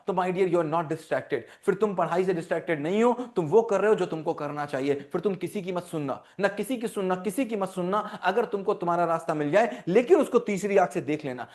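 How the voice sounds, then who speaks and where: A man giving an animated motivational talk to teens as a life coach, repeating lines for emphasis and mixing Hindi with English. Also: high-pitched. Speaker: parenting mentor and life coach. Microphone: online session.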